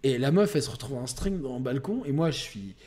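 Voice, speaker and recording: A young man co-hosting a podcast, telling a crude story in a rambling, animated way with lots of fillers. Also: medium pitch, fast. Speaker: podcast co-host. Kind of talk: casual storytelling chat.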